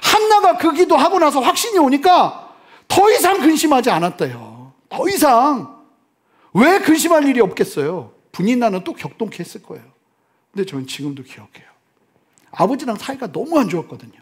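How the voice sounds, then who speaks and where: A middle-aged man preaching a sermon as pastor, swinging from loud exclamations to hushed near-whispers. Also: very high-pitched, very animated, brisk.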